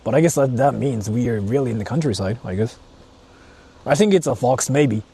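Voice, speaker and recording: Walking through the countryside on a live stream, this host from Japan, a native Japanese speaker, chats casually, repeating himself and thinking aloud amid exclamations and offhand swearing. His warm, medium-pitched voice has lively intonation and some vocal fry, and he talks a little fast. Vehicle sounds fill the noisy outdoor recording.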